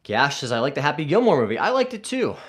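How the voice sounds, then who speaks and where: A man's voice: on the high side, sing-song, fast talker, a bit bright, husky. A man hosting a golf live stream, casually reading viewer comments aloud and answering them in an upbeat way.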